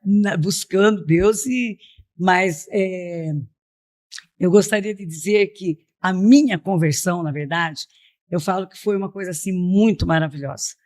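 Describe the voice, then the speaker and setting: In a darkish tone, with a lowish voice and a measured pace, a middle-aged missionary from Piracicaba, São Paulo state, Brazil, gives her personal testimony. It's a conversational podcast interview, and she often checks in with "né?".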